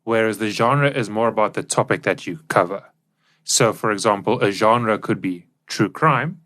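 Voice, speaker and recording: Speaking at normal speed in a lowish, bright and forceful voice, a South African podcast co-host explains topics in a relaxed, informal discussion. He's on a studio microphone in a professional recording studio.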